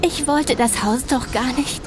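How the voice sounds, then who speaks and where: Over background music and noisy ambience, an actress with a high-pitched voice speaks at a measured pace. She is playing a distraught young carer in a German audio drama, anxious and devoted, earnest yet hesitant.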